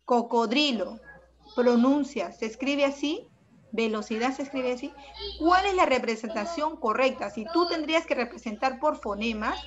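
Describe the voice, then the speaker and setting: A woman's voice: a little high, a bit bright. A woman teaching a secondary school language class online, patient and affectionate but firm with her students. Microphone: computer mic on a video call. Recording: dull, lo-fi video call audio.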